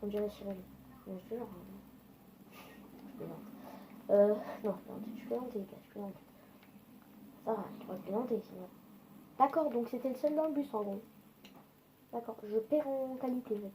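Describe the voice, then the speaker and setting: A woman's voice: a little high, fairly quick, long pauses, mellow, a little hiss or hum, rough recording. A woman giving casual, chatty gameplay commentary, swearing freely and talking straight to her viewers. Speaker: gaming video creator.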